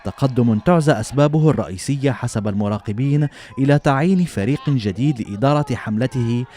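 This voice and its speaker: A man's voice: mid-range voice, quick pace, mellow. A man reading a scripted television news report as its narrator.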